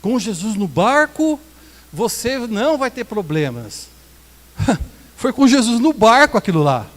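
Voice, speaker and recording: This Brazilian pastor, speaking with a Brazilian Portuguese accent, delivers a joking, conversational sermon in a small church hall and acts out what congregants have said. He sits high and sing-song at a measured pace, trailed by long reverb.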